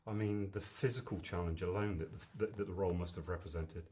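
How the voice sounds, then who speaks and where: A man's voice: low voice, fairly even intonation, fast, warm tone. A male film journalist asking questions at a festival, often rambling and fumbling as he phrases them. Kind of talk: press interview.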